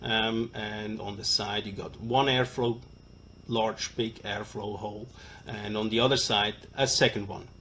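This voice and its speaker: Halting man with a broad Swiss German accent. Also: on the low side, fairly even intonation, sharp tone. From Switzerland. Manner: halting and hesitant, apologetic non-native English speaker. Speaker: presenter of a product demonstration. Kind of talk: informal live product presentation. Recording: live stream with clear background noise.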